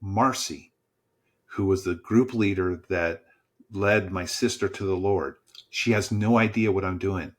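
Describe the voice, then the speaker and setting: A man, a church small-group pastor, telling stories as a podcast guest in a lively, encouraging preacher's manner and acting out the dialogue. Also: unhurried. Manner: lively storyteller who acts out dialogue with sudden pitch jumps. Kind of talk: storytelling in a podcast conversation.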